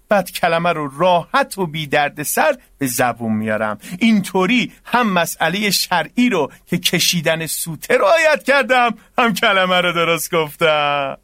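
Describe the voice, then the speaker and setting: A comically muddled young man in a radio drama. He talks high and bright with a very lively, swooping melody. He is earnest and defensive, stretching his words for emphasis. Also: dry recording, clean studio sound, heavily acted. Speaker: naive worshipper with odd ideas.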